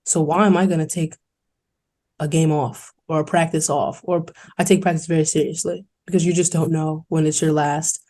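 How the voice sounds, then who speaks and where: Young woman, from New York City, earnest and candid, even pitch, warm mellow tone, interview guest. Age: young adult. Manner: earnest, fast-flowing, quoting others in lively voices. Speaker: college basketball player, podcast guest.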